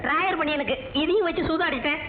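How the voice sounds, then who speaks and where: Whining cheeky husband. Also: male voice, very high voice, quick pace. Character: comic gambling husband, cheeky, pleading. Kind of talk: film comedy dialogue. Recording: tinny lo-fi film audio with faint hiss.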